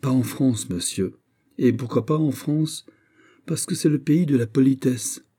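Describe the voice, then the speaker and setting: A man's voice: medium pitch, a little slow, warm tone, husky, pitched above the performer's own voice. A man reading aloud, voicing a proud, stiffly polite young French count in an audiobook. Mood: defiant.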